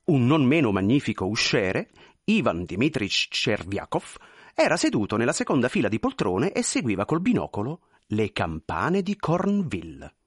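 Husky, expressive male storyteller. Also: mid-range voice, moderate pace, no echo, clean studio sound. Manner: expressive, theatrical. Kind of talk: scripted narration.

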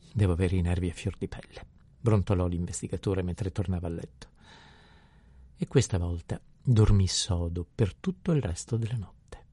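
A man reads an audiobook in a very deep, gravelly voice with a dark, husky tone. He narrates at an even, measured pace, and the recording sounds dry and close. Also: no echo.

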